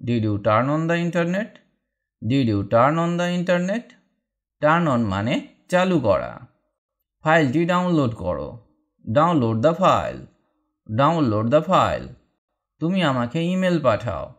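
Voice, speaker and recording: Very slow, deliberate man. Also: medium pitch. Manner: reads each phrase, then repeats the English version slowly and deliberately. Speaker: spoken English teacher. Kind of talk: slow read-aloud drill lesson.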